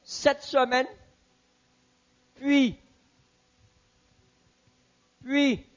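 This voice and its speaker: A man teaching a Bible class in a church, asking the audience questions and repeating answers slowly. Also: very high-pitched, flat delivery, muffled recording.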